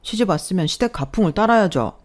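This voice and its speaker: A woman's voice: medium pitch, lively intonation, fast talker, a little mellow, voice pushed up, lightly acted. A woman voicing a stern, lecturing eldest brother. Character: stern eldest brother, self-righteous man.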